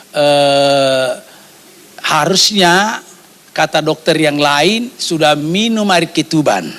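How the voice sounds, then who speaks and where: A middle-aged man preaches in a high, gravelly voice. He tells his stories with animation, acting out each side of the dialogue. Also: a bit bright. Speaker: pastor. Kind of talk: storytelling sermon.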